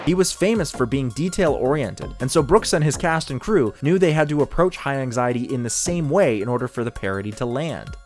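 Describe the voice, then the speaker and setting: A man's voice: mid-range voice, animated, a little fast, hardly any pauses, darkish tone, faint music behind. A man giving scripted narration for a video essay in an analytical tone, with dry jokes tossed in. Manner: dry jokey asides in an analytical tone.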